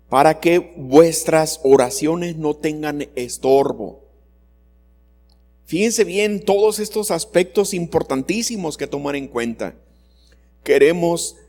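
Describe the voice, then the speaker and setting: A man's voice: mid-range voice, darkish tone. A man preaching a sermon in a church, earnestly reading scripture verses and explaining them to his listeners, whom he calls brothers. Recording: long hall reverb with faint music.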